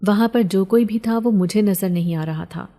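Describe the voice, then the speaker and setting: A woman's voice: medium pitch, warm tone, close to an everyday voice. A woman voicing a worried, protective middle-aged father who speaks earnestly, read in a storybook style. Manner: earnest, concerned and reasoning. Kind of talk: storybook narration.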